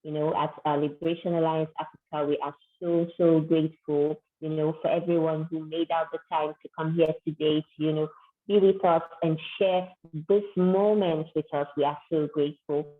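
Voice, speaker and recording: Deep-voiced woman moderating over a tinny line. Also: flat delivery, normal speed. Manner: effusive, grateful, repeats herself. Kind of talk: webinar moderation. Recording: tinny phone-like call audio.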